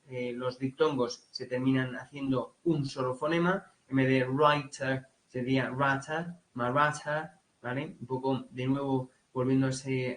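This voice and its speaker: A man with a Spanish accent giving a relaxed exam-prep lecture in Spanish, full of fillers and checks like "right?", now and then imitating English accents. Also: medium pitch, low-quality recording. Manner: casual, many fillers, mimics English accents. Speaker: teacher.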